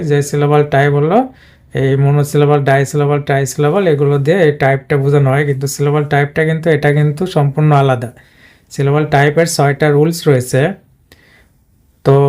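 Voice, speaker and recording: A man's voice: a little high, darkish tone. A man teaching English pronunciation in a casual spoken lesson, explaining plainly with many fillers and restarts.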